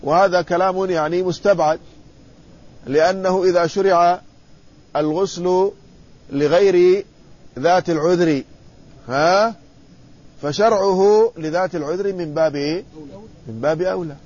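A man teaching an Islamic hadith lesson, reading a classical text aloud, explaining it and putting quick questions to his students. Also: high voice, a little mellow, dull audio. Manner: reads quoted text then explains, quizzes students.

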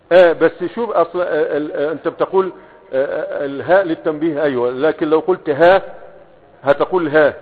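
A man with an Egyptian accent teaching Arabic grammar in a classroom lecture, often checking that students follow and answering his own questions. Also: on the high side. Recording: tinny phone-like audio.

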